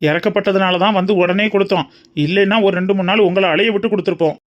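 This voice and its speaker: A man's voice: high voice, fairly even intonation, very fast, muffled recording, close to an everyday voice. A man voicing an easygoing young man who jokes and reassures in a family cartoon. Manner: breezy, joking. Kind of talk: cartoon dub acting.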